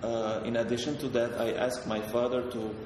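A man from Syria, a photographer, talking haltingly with many fillers and restarts. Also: medium pitch, level tone. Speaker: photographer guest. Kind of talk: hesitant conversational talk. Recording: echoey hall, distant mic, background noise.

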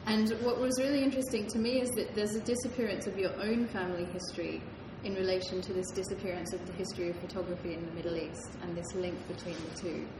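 A woman leads an interview in a fluent, measured way, pausing on small "um"s. Her voice sits on the low side. The room is echoey, with steady background noise behind her. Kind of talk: gallery talk interview.

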